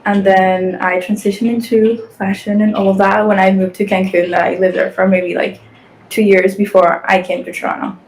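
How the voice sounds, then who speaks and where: This is poor-quality audio from a casual podcast interview with an 18-year-old Guatemalan woman, a fashion influencer and model appearing as a guest. She is easygoing and chatty, leaning heavily on "like." Her mid-range voice is a little mellow, with a flat delivery at normal speed.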